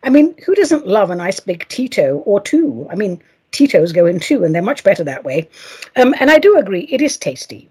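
Husky, playful woman podcast host. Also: medium pitch, big pitch swings, moderate pace, darkish tone. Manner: playful, theatrical, campy asides. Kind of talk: solo podcast reading listener mail.

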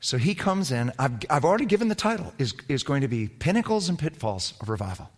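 A man preaching as a pastor, telling a personal story in an animated way that swings between loud emphasis and hushed low tones. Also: quick pace. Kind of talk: storytelling sermon.

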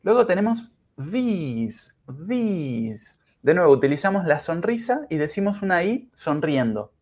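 A man teaching English pronunciation in a podcast lesson, speaking carefully and demonstrating sounds slowly. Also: high-pitched, very animated. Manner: slow, careful, exaggerated pronunciation drills.

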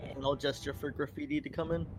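A man's voice: on the high side, flat delivery, quick pace, over music. A man playing a tabletop game, casually describing his character's actions. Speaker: player.

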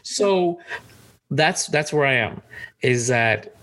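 A man's voice: mid-range voice, animated, slow pace, a bit bright. A man co-hosting a podcast, chatting casually in a joking, rambling way with many restarts. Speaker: podcast co-host.

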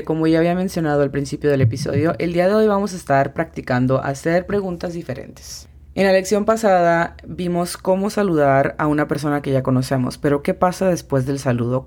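Woman teacher, low voice, unhurried drills. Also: darkish tone. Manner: slow, careful pronunciation drills. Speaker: English teacher. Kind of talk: podcast language lesson.

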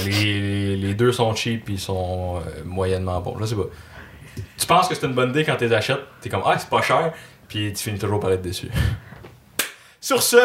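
A man's voice: on the low side, fairly bright tone, slight background noise. A man with a Quebec French accent hosting a podcast, rambling casually with lots of fillers and laughs. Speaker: podcast host. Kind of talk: casual chat.

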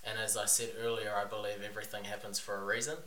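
Fast and flat with a sharp tone and a lowish voice, a podcast guest who runs a business talks in a New Zealand accent, being a man from New Zealand. The casual interview stays frank and relaxed, recorded far from the mic with roomy echo and faint hiss.

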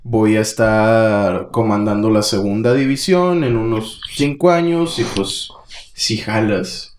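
A man's voice: fairly low pitch, takes it slowly, a little mellow. A man, co-hosting a podcast, who retells a comic plot in casual chat, full of fillers and acted-out quotes. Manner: rambling, many fillers, acts out quotes. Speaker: podcast co-host. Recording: roomy echo, faint noise.

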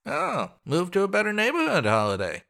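A 1940s homicide cop from a noir radio play. He is brusque and skeptical, with forceful, sharp delivery and lively swings of pitch, firing off old-time beat-cop slang. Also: a little fast, gravelly, exaggerated voice. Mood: impatient, dismissive. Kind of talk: old-time hardboiled detective radio acting.

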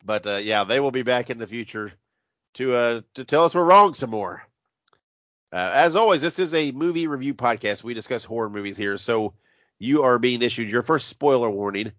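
A man's voice: medium pitch, expressive, moderate pace, a bit bright, dry recording, muffled recording. Congested, boxed-in man hosting a podcast. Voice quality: congested, stuffy, boxed-in sound. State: sick with head congestion. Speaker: podcast co-host. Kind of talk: casual horror movie review podcast chat.

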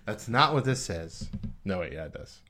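A man co-hosting a relaxed chat show, reading list items aloud and laughing between them. His pitch rises and falls with animated swings. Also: normal speed, slight background noise. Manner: laughs often, reads rules aloud. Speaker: podcast co-host. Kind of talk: casual chat.

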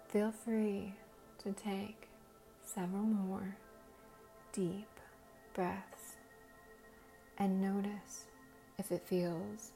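A woman speaks as a slow hypnotist, easing through short phrases with long, soothing pauses. Her voice is soft and mellow with a gravelly creak, breathy as phrases fade. Faint music plays underneath. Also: mid-range voice. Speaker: guided hypnosis and meditation host. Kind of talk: slow hypnotist-style guided relaxation.

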